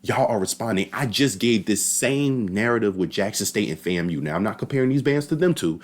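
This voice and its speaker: A man with a lowish voice delivers animated, easygoing reactions to a marching band battle, addressing his audience directly in slang.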